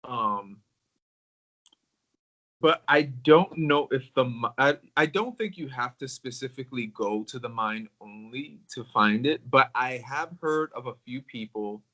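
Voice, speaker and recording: A man chatting casually as a crystal collector, with a mid-range voice. He rambles in a relaxed way, trailing off and circling back with plenty of ums. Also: mid-range voice, a little slow, highs cut off. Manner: relaxed, rambling, with filler words. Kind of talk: casual conversation.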